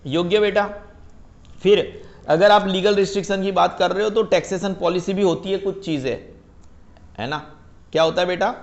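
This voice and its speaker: A man teaching a class, reading English terms out slowly and checking that his students follow, calling them beta. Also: sits high, highs cut off. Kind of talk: class lecture.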